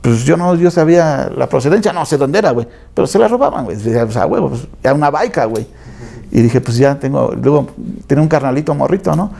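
In a casual interview, a tattoo artist with a Mexico City accent tells slangy stories, voicing the people he quotes and sprinkling in tag questions. He talks fast in a warm, creaky voice that sits on the high side, with lively intonation.

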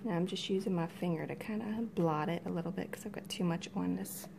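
A middle-aged woman giving relaxed, murmured step-by-step instructions in a hands-on craft tutorial at home. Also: lowish voice, fast talker, gravelly, noisy background. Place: cluttered home craft room, indoors.

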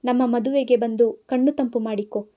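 A woman's voice: fairly high pitch, fairly even intonation, normal speed, warm tone, close to an everyday voice. A woman voicing a spiteful, scheming young woman who taunts her rival in a storybook reading. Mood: taunting. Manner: taunting, contemptuous.

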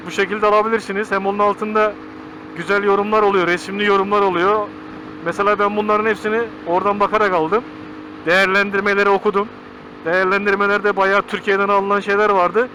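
A man's voice: high-pitched, sharp tone. A man from Turkey giving casual, slangy motovlog commentary from inside a helmet as he rides a motorcycle. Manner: colloquial, slangy, chatty. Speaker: motorcycle vlogger. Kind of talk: casual riding commentary to viewers. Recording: noisy helmet mic while riding outdoors.

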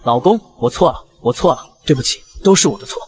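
A man's voice: high voice, sing-song, rapid-fire. A man voicing a distraught young wife who pleads and accuses in a story reading. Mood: pleading. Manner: desperate, accusing.

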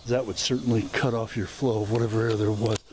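A man narrating an unscripted walking tour of an old house outdoors, halting with fillers and self-corrections. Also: fairly low pitch, flat delivery, noisy background. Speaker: video host touring a historic site. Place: outdoors at a historic house, open grounds.

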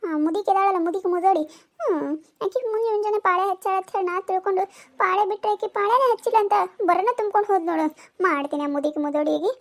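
A woman's voice: extremely high pitch, fast talker. A woman doing a cursing old village granny. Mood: grumbling. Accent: North Karnataka Kannada. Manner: scolding, abusive muttering. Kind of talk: cartoon voice acting.

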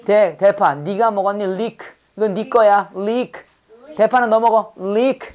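A woman teaching English vocabulary in a playful, lively manner. She uses call-and-repeat drills and pun stories. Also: medium pitch, slow pace. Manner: lively, playful, tells pun stories and acts out quoted voices.

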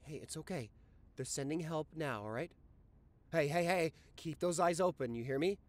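A young man voicing a caring, anxious boyfriend in an audio role-play, talking softly and reassuringly to his sick partner. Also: a little high, moderate pace, no room sound, lightly acted. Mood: worried coaxing. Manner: soft, soothing, reassuring. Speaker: voice actor reading a listener script.

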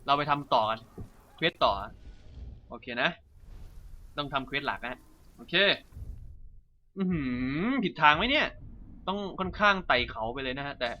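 A man giving casual, playful let's-play commentary, chatting and reacting excitably while he plays. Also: a little high, normal speed, pauses often, highs cut off. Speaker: gaming channel host.

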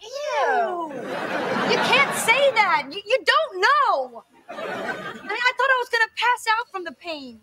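Monica, a shrill, high-strung young woman. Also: sing-song, takes it slowly, a loud crowd, heavily acted. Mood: confessing. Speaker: sitcom character. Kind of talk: sitcom acting. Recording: noisy TV audio with laugh track.

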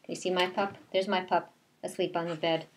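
Reading a picture book at a deliberate, expressive pace, a middle-aged kindergarten teacher stops now and then to speak to young children. Her voice is fairly low, and she's in a small bedroom at home.

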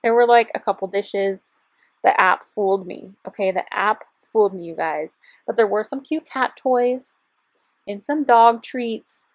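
A woman's voice: medium pitch, a little slow, dry recording. A young woman chatting in a bubbly, gushing way as a vlogger, talking over her shopping footage. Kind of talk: shopping vlog voiceover. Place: parked car.

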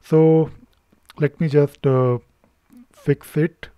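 A man talking through a screen-recording tutorial unscripted, hesitant, pausing often on filler sounds and restarting his sentences as he works. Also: a little high, flat delivery, clear, resonant tone, no echo, lo-fi sound. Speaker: tutorial presenter.

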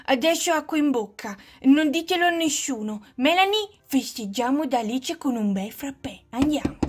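Candy, a woman voicing a flustered high doll. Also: lively intonation, moderate pace. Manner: flustered, rambling, can't keep a secret. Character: anxious, chatty young female doll. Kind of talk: doll play-acting.

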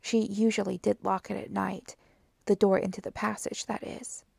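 A woman's voice: medium pitch, flat delivery, normal speed, gravelly, darkish tone, breathy edge, no echo. A nervous young housemaid, as a woman reads her. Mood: deferential. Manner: polite, hesitant answers. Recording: dry close audiobook recording.

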